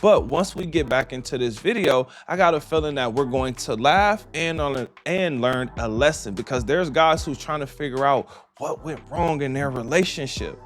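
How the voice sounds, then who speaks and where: A man's voice: medium pitch, normal speed, hardly any pauses, faint music behind. A man hosting a reaction channel, commenting with incredulous, scolding remarks and laughing asides.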